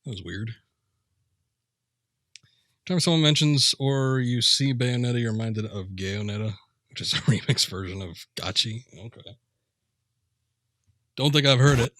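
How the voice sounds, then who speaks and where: A man's voice: medium pitch, unhurried, long pauses, a bit bright, no echo, clean studio sound. A man streaming a game with casual, rambling chat, offhand and thinking aloud.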